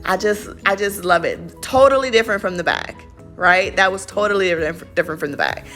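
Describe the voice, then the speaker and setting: A woman's voice: on the low side, expressive, fairly quick, a bit bright. A young woman, chatting and rambling in a casual voice-over about her crafts. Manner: chatty and rambling, lots of fillers. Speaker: craft vlogger. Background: faint background music.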